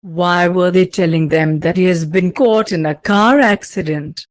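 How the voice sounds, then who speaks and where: Woman calmly reading a story aloud. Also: lowish voice, measured pace, dry recording. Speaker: narrator. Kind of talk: fanfiction read aloud.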